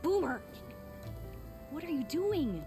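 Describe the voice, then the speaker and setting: A woman's voice: high-pitched, sing-song, slow, full character voice. An actress playing a loyal young woman companion in a video game, earnest and worried. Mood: alarmed. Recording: game audio under loud music.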